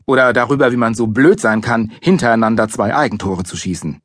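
A man's voice: mid-range voice, lively intonation, normal speed, no room sound, studio quality, lightly acted. A man voicing a strict, impatient father who scolds his son. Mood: scolding. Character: annoyed strict father, middle-aged man.

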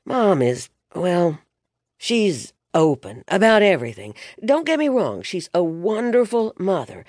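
A woman's voice: on the low side, very animated, unhurried, darkish tone, dry recording, clean studio sound. A woman narrator voicing an embarrassed, exasperated young man talking about his mother. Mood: sheepish exasperated. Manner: sheepish, exasperated.

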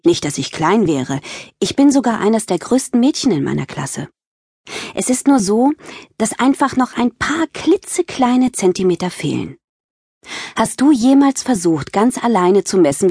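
A woman narrating a children's audiobook in the first person, with lively, expressive storytelling. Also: mid-range voice, moderate pace, slightly rough, no echo, studio quality.

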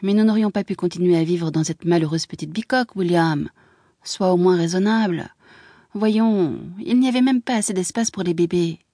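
A woman's voice: lowish voice, warm tone, dry recording, clean studio sound, voice pushed up, natural voice. A woman voicing a pleading young wife. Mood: exasperated. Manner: quick, breathless pleading. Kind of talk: audiobook character voice.

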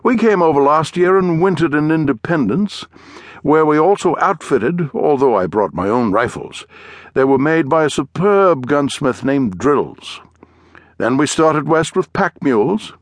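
An audiobook-style character, a pompous upper-class English gentleman adventurer, chatters on endlessly in a boastful, cheerful, effusive way. His high voice leaps about in pitch, expressive and unhurried, with no echo.

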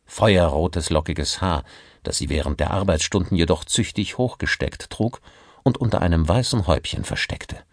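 A man narrating an audiobook in an expressive storytelling manner. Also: low-pitched, normal speed, no room sound, studio quality. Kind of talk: scripted narration.

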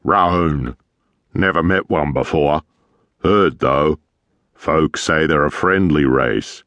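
A man voicing a fat, one-eared, walrus-like ship captain who talks in gruff, clipped, booming bursts. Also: slow, a bit bright, dry recording, full character voice.

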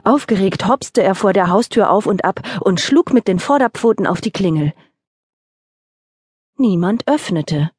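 A woman narrating a children's audiobook in a gentle, lively storytelling voice. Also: mid-range voice, measured pace, husky, no room sound.

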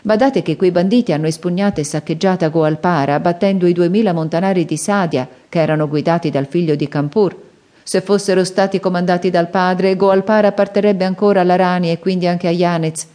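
A woman's voice: on the low side, brisk, warm tone, natural voice. A woman voicing a proud, commanding male pirate chief who barks orders.

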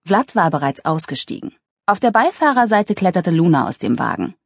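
Husky woman narrating a comic novel. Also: brisk, no room sound, clean studio sound. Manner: lively, ironic, voices characters with raised pitch. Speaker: audiobook narrator. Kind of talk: scripted narration of a humorous novel.

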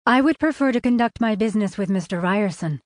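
A woman's voice: medium pitch, animated, a little fast, no echo, clean studio sound, close to an everyday voice. A woman voicing a young heiress in hiding who speaks in a stiff, formal way. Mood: guarded. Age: young adult. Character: young heiress hiding under a false name, guarded.

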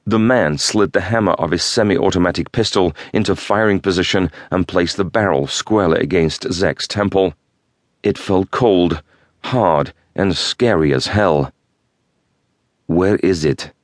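Low-voiced male thriller narrator. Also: no echo, studio quality. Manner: measured, steady storytelling. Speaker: audiobook narrator.

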